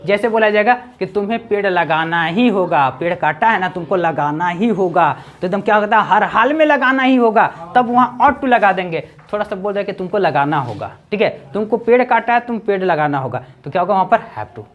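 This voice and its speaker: A woman teaching English grammar in Hindi. She keeps asking rhetorical questions, repeats the key words and reads the English sentences slowly. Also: medium pitch, expressive, dull audio. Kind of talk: explanatory classroom lesson.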